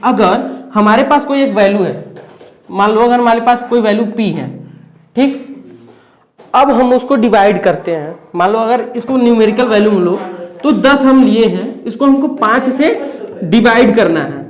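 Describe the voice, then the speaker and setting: A man's voice: high voice, moderate pace. A man teaching a classroom lesson, often stopping to ask the students whether they follow. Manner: questioning, checks understanding often. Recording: echoey classroom.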